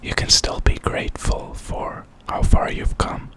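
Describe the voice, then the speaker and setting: Man, whispered pep talk, ASMR affirmations, bright sibilant whisper, breathy, encouraging, reflective. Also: measured pace. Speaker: ASMR creator.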